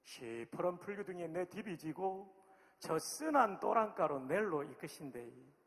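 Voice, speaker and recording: A man's voice: high-pitched, animated, measured pace, fairly bright tone, heavily acted. A man putting on a strong Gyeongsang dialect to recite a psalm as a blunt, plain-spoken local man, with an emphatic folksy delivery. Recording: long hall reverb.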